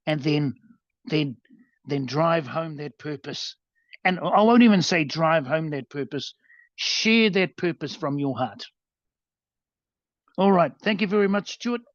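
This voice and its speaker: A man's voice: a little high, dry recording. A man with a New Zealand accent, coaching as a guest presenter over a video call, earnest and often restarting his words. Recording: dull, dry lo-fi video call audio.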